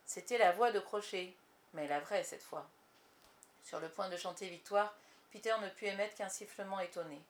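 Sex: woman. Role: narrator. Style: storybook reading, measured. Pitch: mid. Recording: faint background noise.

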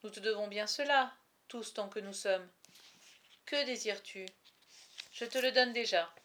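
A woman's voice: medium pitch, brisk, a bit bright, a little hiss or hum, close to an everyday voice. Woman reading as a brusque young lord. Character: impetuous young medieval lord, commanding.

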